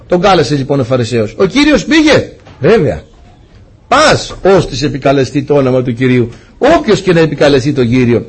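A man's voice: mid-range voice, breathy edge. A middle-aged man giving a sermon to his congregation, preaching with energy and laughing at his own stories.

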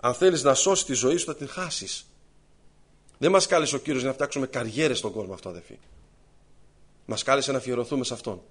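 A man's voice: mid-range voice, pauses often, husky. A man preaching an earnest sermon to his congregation, addressing them as brothers and sisters and telling a parable with acted-out voices.

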